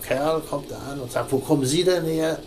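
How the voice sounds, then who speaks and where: An older man telling a personal story in an interview, halting, with many restarts and fillers. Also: a little high, background noise.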